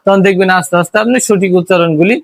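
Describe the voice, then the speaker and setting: A man's voice: high voice, steady tone, racing, creaky, no room sound. A man teaching a spoken language lesson, explaining patiently, repeating points and asking rhetorical questions, with a Bangladeshi Bengali accent. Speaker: English teacher.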